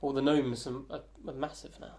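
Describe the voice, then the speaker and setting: A man's voice: medium pitch, flat delivery, a little fast, a little mellow. A man narrating as game master of a tabletop game, loose and chatty, often laughing.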